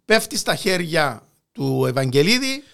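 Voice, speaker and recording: Male history co-host, Cypriot Greek accent, slightly high voice, conversational and halting delivery. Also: very animated, gravelly, a bit bright. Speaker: podcast co-host narrating history. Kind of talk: conversational storytelling.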